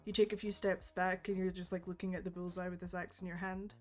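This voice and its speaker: A woman's voice: fairly low pitch, level tone, fast talker, faint music behind. A woman running a tabletop game, narrating casually and easily with lots of fillers. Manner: casual and easygoing, with many fillers. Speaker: game master.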